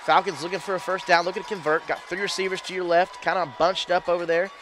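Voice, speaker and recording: A man calling high school football play-by-play from a press box, quick and excitable with chatty asides. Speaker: play-by-play announcer. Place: press box above a stadium.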